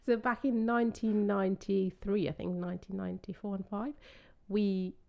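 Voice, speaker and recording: A woman's voice: mid-range voice, flat delivery, moderate pace, creaky, lo-fi sound. A woman in her thirties co-hosting a casual chat podcast with her husband, giggling and playful. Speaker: podcast co-host.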